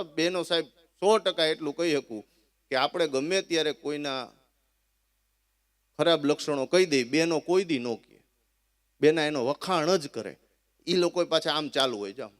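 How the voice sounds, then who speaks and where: Animated Kathiawadi storyteller man. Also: on the high side. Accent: Kathiawadi Gujarati. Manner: animated, keeps addressing listeners as sir and acts out the voices in his stories. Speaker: folk storyteller and schoolteacher. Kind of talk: live comic folk storytelling.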